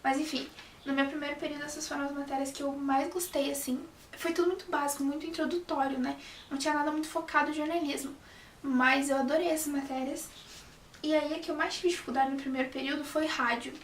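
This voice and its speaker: She talks fast in a high voice with fairly even intonation, a young woman studying journalism who's chatting casually to the camera. Frequent sentence restarts and lots of "sabe?" mark her chatty manner. Slight background noise, roomy echo, and a somewhat distant mic are audible.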